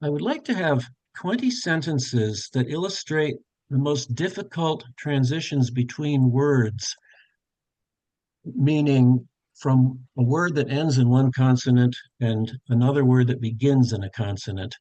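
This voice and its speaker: An older man who trains tutors leads a live online workshop, talking through each step with lots of fillers and self-corrections. His pitch is ordinary and mid-range, his tone warm and unhurried. Captured on a webcam during a video call, the rough recording sounds dry and close, like a home office, with no room sound.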